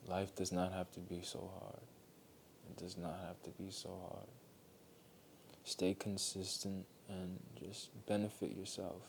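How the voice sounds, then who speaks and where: A man giving a heartfelt motivational monologue, earnest and gentle, repeating phrases for emphasis. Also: deep voice, monotone, a little slow, gravelly, a little hiss or hum. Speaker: motivational speaker.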